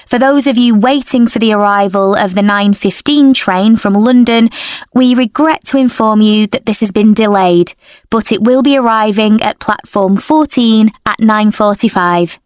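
An actress playing a polite station announcer, giving a formal, measured railway announcement for a listening exercise. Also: female voice, medium pitch, clean tone, dry recording, clean studio sound, close to an everyday voice. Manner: formal, measured public-address delivery.

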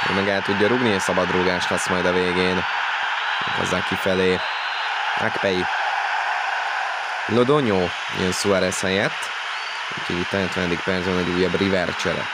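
A man with a fairly low voice commentates a football video game live in an excitable manner. His pitch climbs when play heats up. Loud stadium ambience runs behind him throughout. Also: very noisy. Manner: excitable, voice jumps up on goals and chances.

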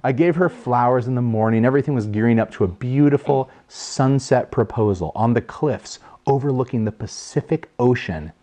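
A man in his thirties telling a funny personal story in a jokey, animated way, acting out voices. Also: mid-range voice, normal speed, few pauses. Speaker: host. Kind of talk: casual storytelling.

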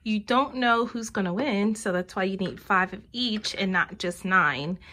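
A woman's voice: mid-range voice, measured pace, sharp tone. A woman in her thirties giving casual, step-by-step craft tutorial narration.

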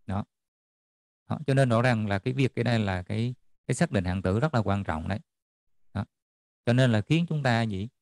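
A man's voice: fairly low pitch, brisk, creaky, pauses often, a little mellow, no echo, clean studio sound. A man tutoring a math class online, checking in often with students as he explains. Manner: checks in often with students, repeating "được chưa?".

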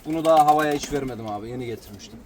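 A man's voice: mid-range voice, rapid-fire. A man, a bird breeder, informally describing his pigeons one by one in a matter-of-fact, respectful way, with cooing around him. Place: outdoors beside a pigeon coop. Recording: noisy outdoor recording with birds cooing. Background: cooing pigeons and outdoor noise.

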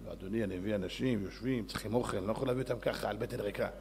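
A man performs a humble, clever petitioner who speaks low and deferentially before a king. The voice sits well below the storyteller's own and pleads gently. It is a tale told within a spoken lesson. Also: gravelly, husky, big-room sound, full character voice. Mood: pleading.

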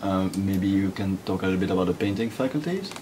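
A man hosts a casual walking tour, chatting as he leads the way. Loud music sits right behind his voice. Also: low voice, lively intonation, fast talker. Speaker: host.

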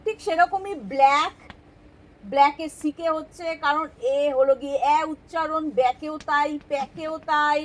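A woman's voice: sits high, steady tone, normal speed. A woman teaching English spelling rules step by step, patient and asking her students questions as she explains. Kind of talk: spoken English spelling lesson.

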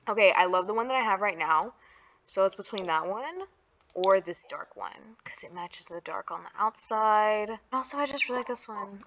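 A woman narrates her building session in a relaxed, drawn-out way, gushing over every detail with slangy enthusiasm. Her voice sits at a middling pitch. The recording sounds a little dull. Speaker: Sims builder and YouTuber. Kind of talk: casual gameplay commentary.

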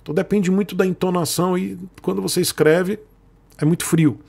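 A man with a high, husky, creaky voice and a darkish tone talks briskly and steadily to his viewers, whom he calls "gente." He's a Brazilian sponsored motorcycle creator, speaking with a Brazilian Portuguese accent, rambling at length and looping back over what he's said.

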